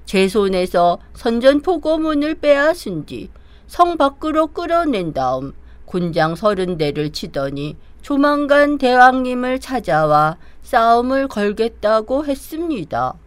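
Sun Wukong, animated cunning monkey hero. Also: female voice, on the high side, unhurried, no room sound. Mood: aggrieved, feigning. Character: cunning, bold male monkey hero of legend. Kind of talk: audio drama acting.

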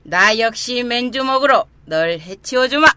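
A storybook demon king acted out by a woman rules as a dark lord, imperious and full of scorn. The voice is high and very animated, with a forceful edge to its mockery. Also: a little slow, a little hiss or hum. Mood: scornful, menacing. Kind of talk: dramatized children's storybook reading.

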